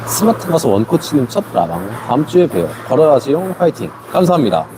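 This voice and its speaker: A man's voice: mid-range voice, sing-song, fast, noisy background. A man hosting a casual live stream in a table tennis hall, a coach who asks teasing questions.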